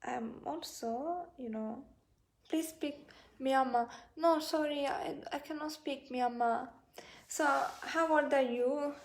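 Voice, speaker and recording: A woman's voice: high-pitched, slow pace. A woman in her twenties hosting a live Buddhist talk stream. She reads viewer comments aloud and answers them in a hesitant, friendly way with many fillers and restarts. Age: 20s. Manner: friendly, thanks viewers often. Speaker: Buddhist Dhamma speaker and live-stream host.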